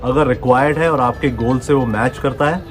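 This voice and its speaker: A man's voice: medium pitch, fairly quick. A man about to turn forty, a fitness coach giving an earnest, coaxing motivational talk and switching between Hindi and English phrases. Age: 30s. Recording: music playing underneath.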